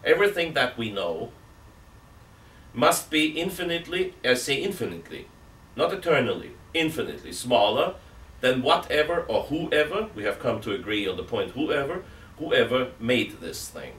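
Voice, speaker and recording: Seated in a room with an armchair, a middle-aged priest talks through catechism, gesturing with both hands and pressing his reasoning with emphatic rhetorical questions. He speaks at medium pitch and normal speed, with big swings in pitch and a fairly bright tone. The mic is distant, so the sound is roomy with faint hiss.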